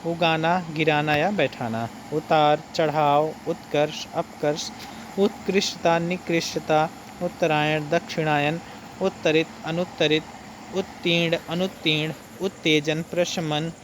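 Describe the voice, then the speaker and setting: A man teaching an exam-prep lesson, reading out word pairs slowly and adding brief explanations. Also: on the high side, steady tone, noisy background.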